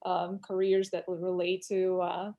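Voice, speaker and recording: A woman's voice: fairly low pitch, completely flat delivery, measured pace, mellow, highs cut off. Woman telling her story. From Russia. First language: Russian. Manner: candid, reflective storytelling. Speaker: employment lawyer, guest. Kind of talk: casual interview chat.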